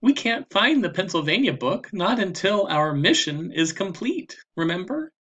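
A man voicing a cheerful, curious little girl in a storybook reading, bright and quick to feel for others. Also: high voice, very animated, muffled recording, pitched above the performer's own voice, full character voice. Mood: eager. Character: cheerful eager little girl, chattering with cold.

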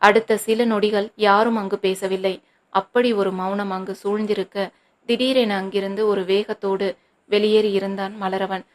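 Woman reading a novel in a flat voice. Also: medium pitch, moderate pace. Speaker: audiobook narrator.

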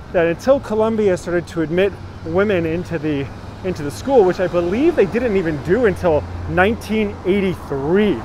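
A man in his thirties guides a live-streamed walking tour outside on a city street, chatting and saying hello to viewers by name. His voice is high with a darkish tone. He films on a phone at arm's length as he walks, and the audio is poor with traffic noise.

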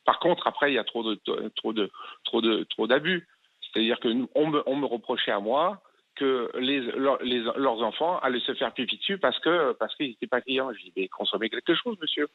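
Male restaurateur caller, defensive and halting, dry thin phone sound. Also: medium pitch, lively intonation, dry recording. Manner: halting, repeats words, defends himself firmly. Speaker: restaurant owner. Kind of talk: phone-in interview on talk radio. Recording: tinny phone line.

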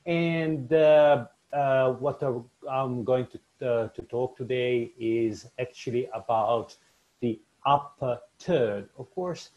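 Slow-talking Serbian-accented man lecturing online. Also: medium pitch, darkish tone, muffled recording. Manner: unhurried, with many filler sounds and restarts. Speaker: doctor giving a webinar lecture. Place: small home office with shelves. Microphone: video call, webcam.

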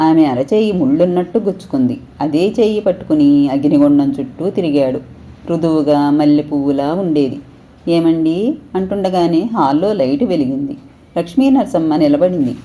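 A woman storyteller reading an audio story aloud in a steady, expressive way. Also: deep voice.

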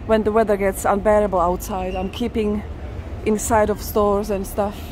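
Out on a busy city street, a walking tour vlogger in a mid-range, level voice chats casually and emphatically at a moderate pace as she narrates her walk. Traffic, passing vehicles and general urban ambience come through in the recording.

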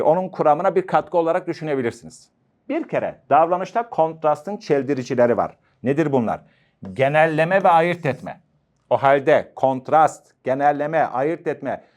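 A man's voice: fairly high pitch, moderate pace. A man teaching an exam-prep lecture, asking and answering his own questions with jokey asides.

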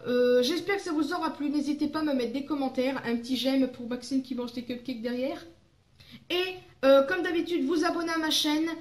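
Young female beauty vlogger from France, high voice, casual and chatty, stumbles over her words. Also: reverberant. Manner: chatty, rambling, fillers and self-corrections. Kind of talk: casual haul vlog.

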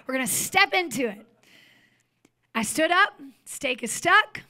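A woman's voice: sits high, animated, a little slow, sharp tone. A woman pastor preaching a sermon in a church, telling a story expressively and acting out the scenes. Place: church sanctuary.

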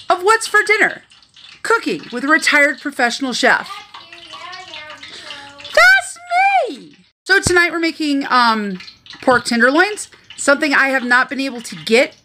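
Older woman, retired chef, friendly step-by-step cooking vlog voice, slightly high, phone mic in a home kitchen. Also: sharp tone, slight background noise. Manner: chatty, upbeat, step-by-step explaining. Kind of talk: casual cooking tutorial. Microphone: phone held at arm's length.

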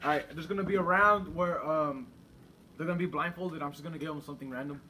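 A man's voice: fairly high pitch, quick pace. A young man hosting a challenge with friends in casual, slangy banter. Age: teenager or young adult. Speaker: host of a challenge game. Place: outdoor backyard table at night. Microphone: camera a few meters away. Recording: noisy outdoor phone camera recording.

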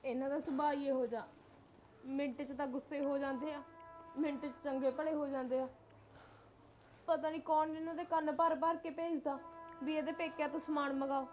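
A woman playing a patient young wife who pleads calmly with her mother-in-law, in a Punjabi accent. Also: high-pitched, normal speed, dull audio, soft background music, lightly acted. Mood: gentle. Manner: pleading, reasonable. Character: patient young wife married without dowry. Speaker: daughter-in-law. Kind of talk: acted family drama.

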